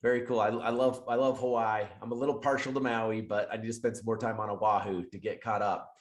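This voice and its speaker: A man's voice: fairly low pitch, flat delivery, fairly quick. A man hosting a podcast, upbeat and enthusiastic, chatting casually with his guest. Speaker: podcast host. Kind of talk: casual interview chat.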